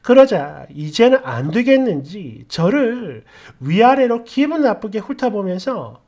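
A woman's voice: mid-range voice, very animated, unhurried, mellow. A woman narrating a first-person story in an indignant, scolding tone.

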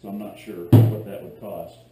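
Loud music plays behind this fishing video host, a middle-aged man whose fairly low voice comes across flat at a moderate pace. He jokes and rambles with chatty asides while working in a messy garage workshop for his casual how-to vlog. He's recorded from a distant camera on a tripod in an echoey garage with a faint hum.

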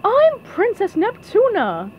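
A woman's voice: very high-pitched, huge pitch swings, slow, darkish tone, a little hiss or hum, voice pushed up, exaggerated voice. A woman voicing a gracious, friendly cartoon princess in a storybook. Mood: smiling greeting. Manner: gracious, pleasant.

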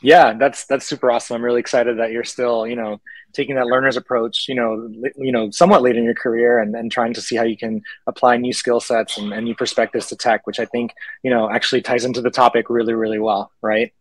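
A man's voice: medium pitch, flat delivery, fast talker, no echo, rough recording. A man in his thirties from Puerto Rico hosting a video-call panel, friendly and casual, often repeating a word as he starts a phrase. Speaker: panel host, software engineer. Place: office room indoors. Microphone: laptop webcam mic on a video call.

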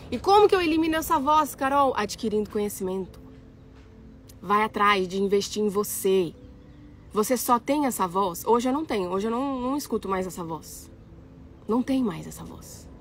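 A young Brazilian woman, an architect and influencer, chats casually with her followers in a mid-range voice and reads their comments. She's emphatic, repeats phrases, and calls her audience "gente"; there's a little hiss or hum.

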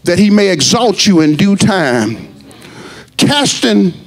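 A middle-aged man preaching a sermon as pastor, rising into shouts and stretching his words. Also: high-pitched, very animated, slow pace.

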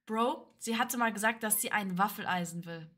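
A young woman streamer in casual chat, telling stories in an animated way and acting out what others said. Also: medium pitch, moderate pace. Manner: animated storytelling, slips into laughing; acts out quoted voices.

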